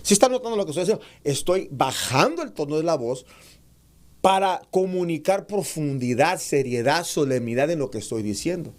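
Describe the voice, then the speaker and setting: A man giving an online class on public speaking to preachers, calling them brothers, reading comments and demonstrating raised and lowered voice. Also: expressive, moderate pace. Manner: addresses listeners as brothers, reads out chat comments; demonstrates shouting and lowering his voice. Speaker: preaching instructor.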